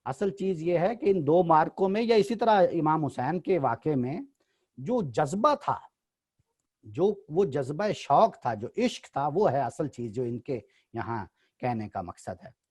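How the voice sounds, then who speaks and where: A man's voice: a little high, expressive, darkish tone, breathy edge. A man teaching in a literary discussion, patiently explaining and correcting pronunciation.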